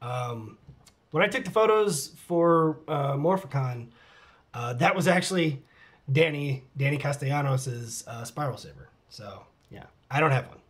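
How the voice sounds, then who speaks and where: This middle-aged man's mid-range voice is expressive and unhurried. Sitting at home with his cat, he hosts his channel by casually going through fan comments, answering questions, laughing frequently and muttering to himself now and then.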